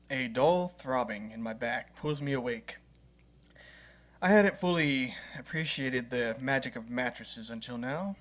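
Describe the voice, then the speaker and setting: A man's voice: mid-range voice, takes it slowly, pauses often, fairly bright tone. A man reading a visual novel game aloud as a gaming host, playful and chuckling at the story.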